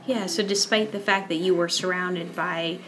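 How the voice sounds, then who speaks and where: Woman host asking gentle follow-ups. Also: on the low side, steady tone, normal speed, slight background noise. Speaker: podcast host. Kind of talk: conversational interview.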